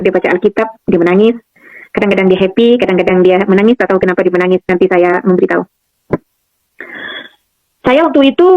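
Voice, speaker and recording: A woman's voice: mid-range voice, dry recording, dull audio. A woman from Madura giving a personal faith testimony, telling her story and often turning to listeners as "saudara". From Madura, Indonesia. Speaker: testimony speaker.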